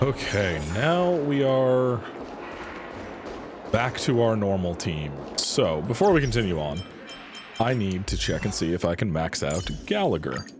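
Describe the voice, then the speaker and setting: A man's voice: fairly low pitch, sing-song, measured pace, noisy background. A man hosting a live game stream with casual commentary, speaking in a blunt, informal, sweary way. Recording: game music behind the voice. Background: game music.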